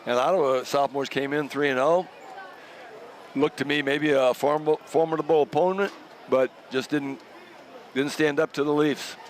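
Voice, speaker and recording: A man giving casual color commentary on a high school football game. He is chatty and enthusiastic and chuckles often. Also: steady tone, normal speed, slight background noise.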